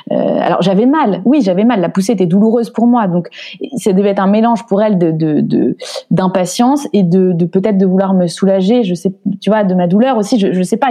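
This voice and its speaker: A woman's voice: mid-range voice, mellow. A woman in her thirties telling a personal story in an interview, hesitant with many restarts, emotional and indignant.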